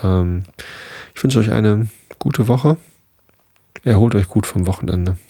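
Male podcast host, bedtime reader; deep, gravelly, dry close recording; casual asides, frequent self-corrections. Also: a little slow, mellow, dry recording. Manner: informal asides between passages. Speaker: podcast host reading aloud. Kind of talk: bedtime story reading for sleep.

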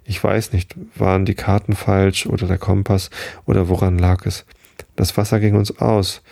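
A man voicing a gentle, weary, parched wanderer near death in a read-aloud story. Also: deep voice, little pitch movement, normal speed, gravelly, no room sound, studio quality. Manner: gentle, tired, soothing.

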